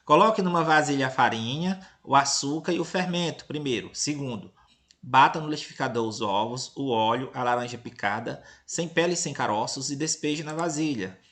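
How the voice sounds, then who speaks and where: A man's voice: mid-range voice, brisk, fairly bright tone. Brazilian male teacher reading a lesson. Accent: Brazilian Portuguese, Tocantins. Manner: patient, checks in with "entendeu?" and "beleza?"; playful, teasing about giving away answers. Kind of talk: reading a lesson aloud to children.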